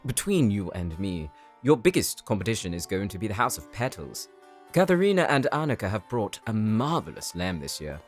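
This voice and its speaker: A man's voice: lowish voice, very animated, fairly quick, faint music behind. A man playing a flamboyant, gracious vampire count in an audio drama, with effusive aristocratic delivery. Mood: confiding. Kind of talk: cinematic audio roleplay acting.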